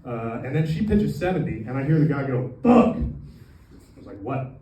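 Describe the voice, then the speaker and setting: A man's voice: medium pitch, very animated, brisk, mellow. A young man doing a stand-up comedy set, with crude, mock-angry punchlines that escalate. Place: comedy club stage with audience laughing. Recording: echoey club, distant mic, noisy room.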